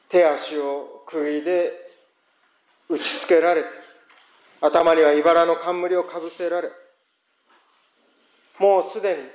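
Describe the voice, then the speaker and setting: High-voiced man preaching in an echoey church. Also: darkish tone, highs cut off. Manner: earnest, reflective preaching. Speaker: pastor. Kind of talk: prayer and sermon.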